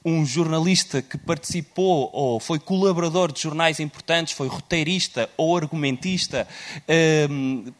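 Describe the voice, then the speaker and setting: A man with a fairly high voice and a European Portuguese accent hosts a panel on stage. He talks loudly and with a playful, teasing edge. His delivery is lively and deliberate. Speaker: moderator. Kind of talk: live panel moderation.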